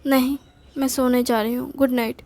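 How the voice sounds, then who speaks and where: A woman voicing an older wife who scolds her husband curtly, sharp-tongued but loving, in an acted story. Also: sits high, flat delivery, moderate pace. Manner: scolding, curt.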